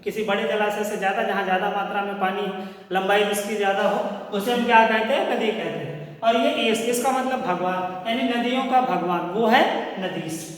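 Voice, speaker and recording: A man teaching a grammar lesson, explaining step by step, often pausing with "okay" and asking his pupils questions. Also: high-pitched. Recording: echoey room from far off.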